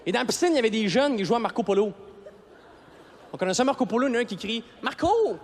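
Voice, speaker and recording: A man in his thirties with a Québécois accent doing a stand-up routine on an arena stage, animated and breaking into shouted high bursts. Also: rapid-fire. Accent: Québécois French. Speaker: stand-up comedian. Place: large arena stage with audience. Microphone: stage microphone. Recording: live arena recording with crowd laughter and faint noise.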